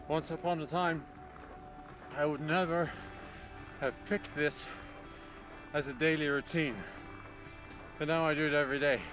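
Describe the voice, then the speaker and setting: A man's voice: a little high, fairly even intonation, measured pace, pauses often, over music. A man talking to his camera outdoors in the snow during a run, his lips stiff from the cold. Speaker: vlogger. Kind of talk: casual talk to camera. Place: outdoors in snowy woods.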